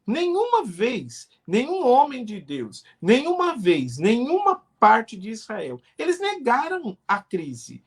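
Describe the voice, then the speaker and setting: A man's voice: very high voice, wildly swooping pitch, slow, hardly any pauses. An older man from Brazil, a pastor, answering in an earnest, explanatory way during a live-streamed interview.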